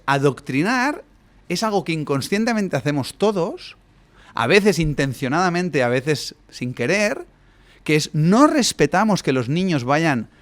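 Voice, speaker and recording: A man, a guest coach explaining his ideas at length in a podcast conversation, often closing points with rhetorical questions. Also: a little high. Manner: expansive, lecturing, frequent rhetorical tag questions.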